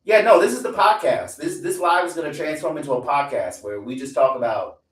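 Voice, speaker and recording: A man in his 20s streams live, his somewhat high voice moving fairly quickly through a casual, profanity-laced rant with lines repeated for emphasis. The mic sits far from him in an echoey room.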